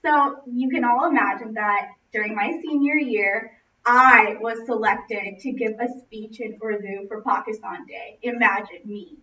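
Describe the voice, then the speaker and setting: Speaking unhurriedly in a bright, forceful tone, a young Los Angeles woman delivers a prepared personal speech to her classroom with a fairly high, expressive voice. Captured from afar on camera audio, it comes across roomy, echoey, muffled and noisy.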